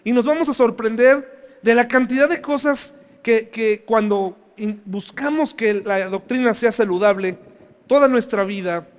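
Male pastor with a high voice and a conversational sermon manner, recorded in a reverberant church. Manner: conversational, asks the congregation questions.

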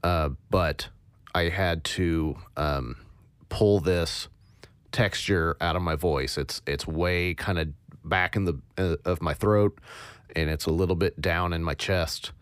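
Give me a low, monotone man explaining sound design. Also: takes it slowly, clean tone, no room sound. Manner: hesitant, many fillers, thinks aloud. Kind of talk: casual tutorial explanation.

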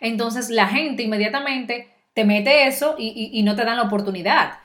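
Chatty Dominican actress, animated. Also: female voice, a little high. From Dominican Republic. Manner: animated and chatty, with quick restarts. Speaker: actress, interview guest. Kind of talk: casual interview chat.

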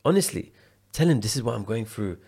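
A man's voice: lowish voice, animated, a little fast, vocal fry, a little mellow, breathy edge. A man from the UK, a podcast guest telling a personal story in a slangy, casual way, often restarting and repeating words.

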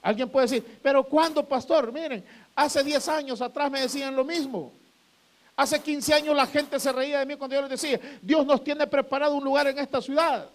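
A man's voice: very high voice, steady tone, moderate pace. A man, a pastor, preaching a sermon to his congregation, drawing out phrases and building to emphatic peaks.

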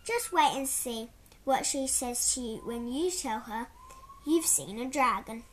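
A woman's voice: fairly high pitch, lively intonation, a little slow, a little hiss or hum. A woman voicing a cheeky young boy in a storybook, blunt and grumbling. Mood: plain.

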